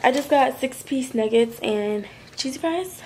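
Her voice high-pitched and animated yet unhurried, a lifestyle vlogger in her twenties from Florida rambles casually to camera while sick. She sounds stuffy and nasal and uses slangy speech, with background noise behind her.

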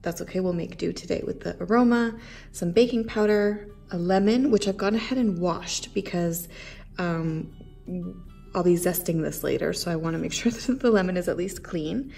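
Woman in her thirties, casual home cooking chat, filler-heavy, slightly low pitch, kitchen camera mic. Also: moderate pace, vocal fry, dark tone, soft background music. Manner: friendly, rambling, lots of fillers. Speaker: home baking vlogger. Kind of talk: casual chatty cooking demo.

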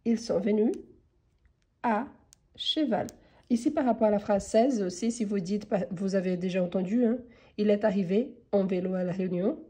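A woman's voice: medium pitch, a little fast, mellow. A woman teaching French grammar online, patiently reading each exercise sentence and then explaining the rule, her voice congested from a cold. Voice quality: husky.

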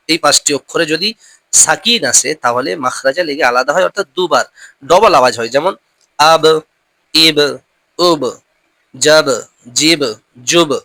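A man teaching Quran reading step by step, explaining each rule and then slowly reciting drawn-out Arabic examples for the learner. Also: high voice, bright, forceful tone, dry recording.

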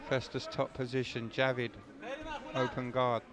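A man's voice: medium pitch, little pitch movement, a little slow. A man giving live MMA fight commentary in clipped, present-tense phrases. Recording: loud venue crowd noise behind. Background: loud crowd.

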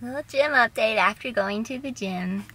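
Playful high-voiced woman in a car. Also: moderate pace, a bit bright, a little hiss or hum, rough recording. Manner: playful, mock-grumpy, giggly. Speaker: vlog host. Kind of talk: casual car vlog chat. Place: inside a parked car. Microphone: handheld camera at arm's length.

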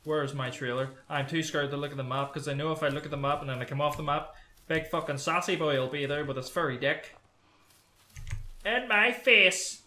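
A man's voice: fairly high pitch, steady tone, fast, sharp tone. A young man with a Scottish accent giving nervous, sweary gameplay commentary as host of a gaming recording. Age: young adult. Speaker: gamer host. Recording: roomy echo, faint background noise.

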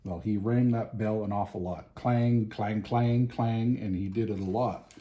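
In a home living room, a man with a mellow, fairly low voice reads a children's picture book aloud. He's expressive and deliberate, using emphatic pauses.

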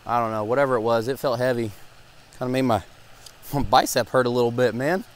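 A young man gives excited, casual running commentary to viewers while fishing from a pond bank, recorded on a head-mounted action camera outdoors. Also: medium pitch, brisk. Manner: excitable, talks to viewers as guys. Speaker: fishing vlogger.

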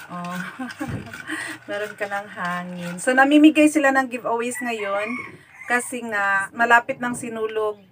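A woman's voice: mid-range voice, a bit bright, slight background noise. A woman, vlogging casually from her living room and talking straight to the camera with little giggles. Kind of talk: casual vlog narration. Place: home living room, indoors. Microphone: phone camera at arm's length.

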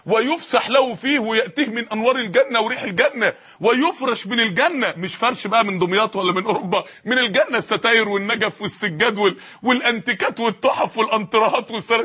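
A man's voice: very high-pitched, slightly rough. A man preaching a sermon with an Egyptian Arabic accent, firing off impassioned rhetorical questions. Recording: dull lo-fi lecture recording.

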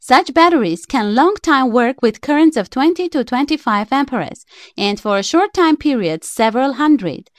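Lively, high-voiced woman narrating a DIY build. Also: moderate pace, no room sound, studio quality. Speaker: DIY electronics channel narrator. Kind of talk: scripted voice-over narration.

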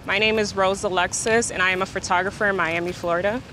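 A woman from Haiti speaks sincerely about her photography. Her voice is bright and sharp at a middle pitch. Faint street ambience sits behind her. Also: steady tone, quick pace, a little hiss or hum. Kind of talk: interview monologue.

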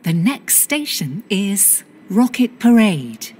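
A woman playing an automated onboard train announcer, reading scripted announcements in a measured, formal manner. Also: mid-range voice, big pitch swings, a little mellow, slightly rough, full character voice. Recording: background train noise.

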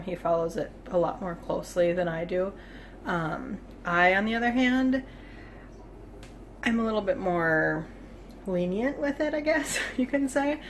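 A woman's voice: lowish voice, slight background noise. A young woman talking casually in her home kitchen as she cooks, rambling with lots of fillers, filmed on a phone held at arm's length. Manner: chatty and rambling, with many fillers. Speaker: cooking vlogger. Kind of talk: casual cook-along vlog. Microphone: phone camera at arm's length.

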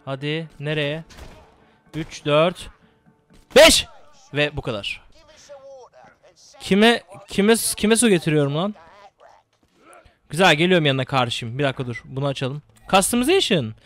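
A young man giving casual, excitable gameplay commentary, swearing and repeating words rapidly. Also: fairly high pitch.

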